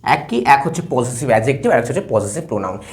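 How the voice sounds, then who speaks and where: In a classroom lesson at a whiteboard, a man teaches English grammar step by step, his mid-range voice racing. He is lively and keeps asking checking questions to make sure his students follow.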